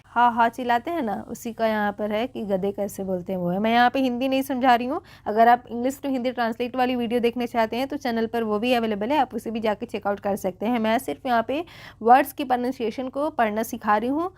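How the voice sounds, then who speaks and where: A woman teaching English reading slowly, spelling out letters and repeating each word while asking her viewers how to say it. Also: a little high, fairly even intonation, darkish tone. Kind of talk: slow word-by-word reading lesson.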